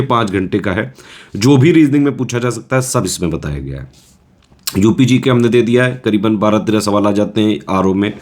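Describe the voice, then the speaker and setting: Reassuring male exam coach, low voice. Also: a little mellow. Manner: reassuring, keeps checking in with listeners. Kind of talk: casual exam-strategy lecture.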